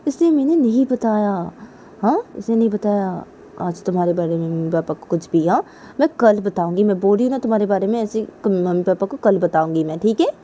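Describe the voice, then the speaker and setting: A woman's voice: mid-range voice, animated, fairly quick, mellow, slight background noise, natural voice. A woman voicing a young woman who pleads with her angry girlfriend in a whiny, repetitive way. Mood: pleading. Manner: pleading, whiny, repeats "what is it".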